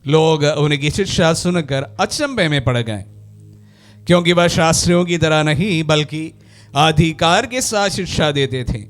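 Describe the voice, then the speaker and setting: A male priest reading the gospel at Mass and preaching in a slow, measured way. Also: fairly high pitch, expressive, fairly bright tone, faint music behind. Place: church.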